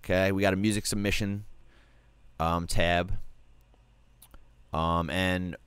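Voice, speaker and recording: A man hosting a casual online music stream, laid-back, cursing freely and filling pauses with "um" and "like". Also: sits low, fairly even intonation, a bit bright, clean tone, dry recording. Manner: laid-back, swears casually, lots of fillers. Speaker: stream host reviewing music submissions. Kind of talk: casual chat.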